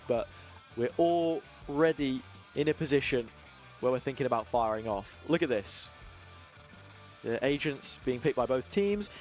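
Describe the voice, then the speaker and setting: A British man casting an esports match with a joking, easygoing manner, laughing often as he calls the action. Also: medium pitch. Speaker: esports caster. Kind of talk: esports commentary.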